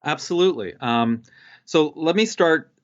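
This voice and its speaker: A man from Costa Rica, a guest entrepreneur, telling his life story in a relaxed way with many pauses and fillers. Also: fairly high pitch, lo-fi sound.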